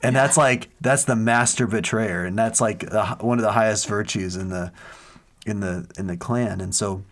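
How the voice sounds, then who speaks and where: A man's voice: fairly low pitch, normal speed, fairly bright tone. A man in a casual faith discussion, telling stories earnestly with lots of fillers and restarts. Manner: earnest, rambling storyteller with many fillers.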